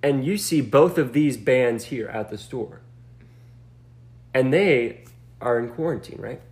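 A man's voice: medium pitch, slow pace, a little mellow. A man hosting a casual chat, reacting with short remarks and laying out questions. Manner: plays along with short reactions, lays out questions. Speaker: podcast host.

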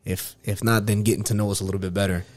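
A middle-aged man with a low voice in a dry, close recording. He hosts a podcast in a casual, earnest way, often repeating phrases as he finds his words. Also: flat delivery, rapid-fire, a little mellow, no room sound. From New York, United States. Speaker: podcast host.

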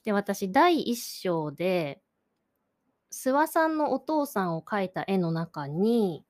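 A woman's voice: medium pitch, very animated, slow. A woman, the host of a solo talk show, musing thoughtfully and searching for words, sometimes dropping to a near whisper. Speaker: podcast host. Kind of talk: reflective solo talk about an art exhibition.

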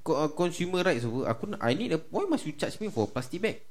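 A man's voice: fairly high pitch, big pitch swings, quick pace. A man with a Singaporean accent chats casually and gives opinions, mixing Malay slang with colloquial English full of lah particles. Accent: Singaporean Malay-English (Singlish).

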